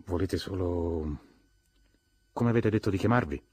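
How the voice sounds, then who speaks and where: A man's voice: sits low, unhurried, darkish tone, breathy edge, no room sound. A man voicing an indignant secretary woman who speaks curtly and scolds. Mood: hostile. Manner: curt, scolding.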